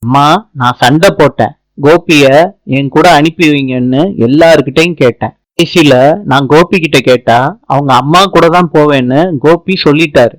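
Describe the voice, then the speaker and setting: A man's voice: on the high side, normal speed, no room sound, lightly acted, poor audio. A man reading the lines of a hurt young wife who sounds subdued and resigned. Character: hurt young wife holding back tears.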